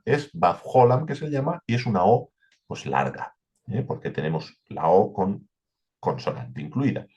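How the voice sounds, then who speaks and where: A man's voice: fairly low pitch, slightly rough. A man with a Spain Spanish accent teaching a verse-by-verse Bible study, explaining step by step and answering his own questions.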